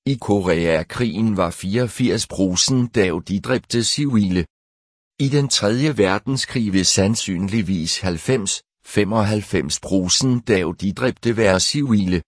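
A man narrating a novel in an even, measured reading. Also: fairly low pitch, slightly rough, dry recording, studio quality. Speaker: audiobook narrator. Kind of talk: scripted narration.

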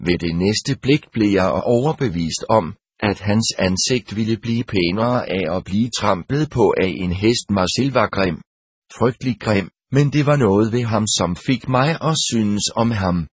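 A man with a husky voice narrating a first-person story in a measured, even way, like an audiobook. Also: fairly low pitch, dry recording, clean studio sound.

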